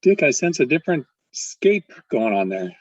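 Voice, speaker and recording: A husky-voiced man presides over a club meeting held on a video call, trading easy small talk and welcoming each member by name. His words come through dull and lo-fi, and they sound close and dry with no room around them. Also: medium pitch, sing-song, normal speed, no room sound. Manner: chatty, greets members by name, laughs often. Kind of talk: casual chat.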